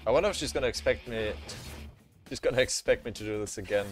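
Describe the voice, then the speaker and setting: A man streaming a game on a headset mic, reacting with excitable swearing and laughter. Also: medium pitch, fast. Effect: livestream headset mic audio. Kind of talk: live gameplay commentary. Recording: streamed voice with game music behind. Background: game music.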